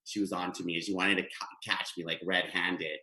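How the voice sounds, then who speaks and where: Performing stand-up through a webcam on a video call, an animated Guatemalan man talks chattily and gestures as he goes. His deep voice is bright and fairly quick, and his home room gives off a roomy echo.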